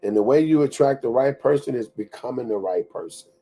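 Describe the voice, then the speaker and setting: A man's voice: mid-range voice, brisk, mellow. A man in his thirties hosting a motivational talk. His delivery is preachy and conversational, and he repeats phrases for emphasis. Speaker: show host.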